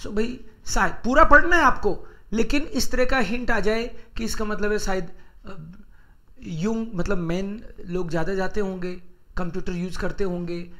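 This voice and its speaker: Unhurried, bright-toned male teacher, thinks aloud over exam texts. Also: high-pitched. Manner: slow reading of German with quick Hindi asides, thinking aloud. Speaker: German teacher. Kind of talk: exam tips lesson, reading German aloud and explaining.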